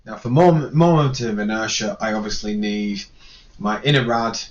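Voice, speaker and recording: Brit guy, lowish voice, walking thru an engineering spreadsheet, keeps correcting himself, kinda muffled lo-fi recording. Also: moderate pace. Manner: thinks aloud, self-correcting, casual. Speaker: engineering lecturer. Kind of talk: screen-recorded spreadsheet tutorial.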